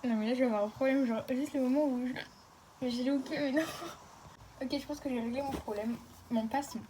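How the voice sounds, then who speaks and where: Young woman chatting fast over her game, slangy, mellow and a bit high. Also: steady tone, slight background noise, poor audio. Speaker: gaming video creator. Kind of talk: casual gameplay commentary.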